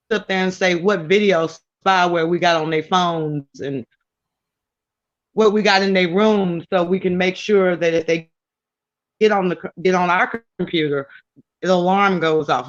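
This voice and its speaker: A woman's voice: fairly low pitch, normal speed. A woman calling in as a guest, talking emphatically and rambling with restarts over a crackly call line that keeps dropping. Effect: crackly, dropping remote call line. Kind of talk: casual talk show discussion. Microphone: remote call. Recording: dull lo-fi call audio.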